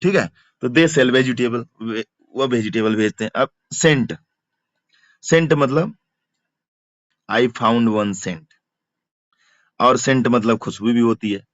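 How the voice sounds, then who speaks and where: This teacher, a man with a medium-pitched voice and a moderate pace, walks through an online exam-prep lesson word by word. He repeats terms and invites comments, and the audio is dry, echo-free, muffled and lo-fi.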